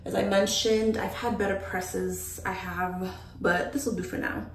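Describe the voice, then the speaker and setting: A woman chatting to camera as a hair vlogger, thinking out loud with joking asides. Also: medium pitch, steady tone, unhurried, gravelly, noisy background. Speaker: beauty vlogger. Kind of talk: casual chat to camera. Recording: echoey room from a distant mic.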